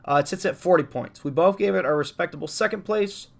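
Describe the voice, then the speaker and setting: A man's voice: sits high, fast, vocal fry. A young man co-hosting a podcast in casual chat, rambling and laughing, hiccuping at times. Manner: rambling, laughing, trails off into asides. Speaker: podcast co-host.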